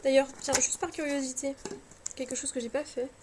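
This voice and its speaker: A high-voiced woman talks casually at home, full of hesitant fillers and restarts and gently mocking herself. She sounds a little tired. Faint scratching noise sits behind her voice on the camera mic. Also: level tone, brisk. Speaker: cartomancy vlogger. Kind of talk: casual chat showing card decks.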